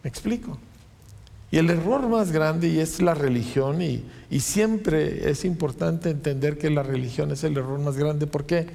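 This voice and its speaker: Gravelly pastor preaching in a church. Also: male voice, fairly high pitch, mellow. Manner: preaching with rhetorical questions and quick asides. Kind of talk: sermon. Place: church sanctuary. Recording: long church reverb.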